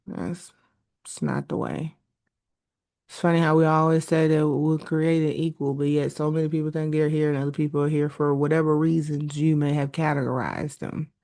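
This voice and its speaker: A woman's voice: low-pitched, mellow. A woman hosting a podcast, speaking in an earnest, preachy solo monologue straight to her listeners. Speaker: podcast host.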